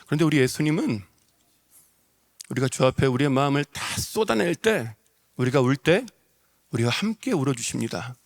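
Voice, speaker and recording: A male pastor with a high-pitched, somewhat bright voice preaches an emotional sermon in a large church sanctuary. He repeats phrases for emphasis, and the hall gives the recording a long reverb.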